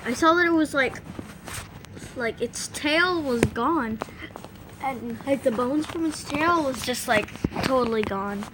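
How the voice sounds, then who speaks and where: A woman's voice: high voice, takes it slowly, background noise. A woman telling an improvised first-person scary story, rambling with fillers and restarts.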